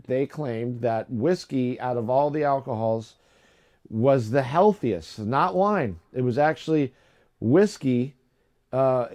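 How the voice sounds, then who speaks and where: A young adult livestream host chats casually, rambling with plenty of fillers and restarts. His voice is low today, with a darkish tone.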